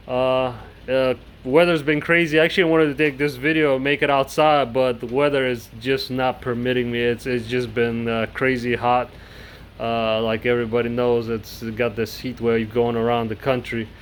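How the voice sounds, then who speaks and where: A man's voice: a little high, clean tone. Chatty man rambling in his shop. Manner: rambling, chatty, restarts with many uhs. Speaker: mower repair vlogger. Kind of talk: casual workshop vlog. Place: cluttered indoor shop.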